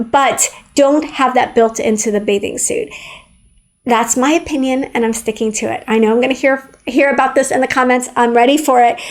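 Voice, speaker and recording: A woman in her forties giving frank, chatty style advice in a vlog, repeating words when she stresses a point. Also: a little high. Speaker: fashion vlogger. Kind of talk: opinionated style advice to camera.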